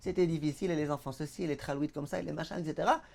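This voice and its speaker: A man's voice: on the high side, very fast, creaky. A man, a rabbi, giving a Torah lesson to an audience, telling stories and acting out the dialogues. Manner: animated storyteller, acts out dialogues; addresses the audience directly. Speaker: rabbi teaching a class.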